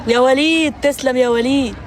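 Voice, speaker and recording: A woman's voice: high voice, fairly quick, background noise. A woman, hosting a casual outdoor live stream with playful, dramatic mock laments. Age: 20s. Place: outdoors in a garden with people and traffic around. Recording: outdoor recording with crowd chatter.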